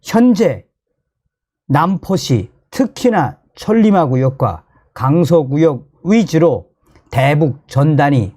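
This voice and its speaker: With a voice on the high side and a slow, unhurried delivery, a North Korean man with a North Korean accent hosts a commentary channel. He gives viewers news commentary emphatically and excitably, often repeating himself.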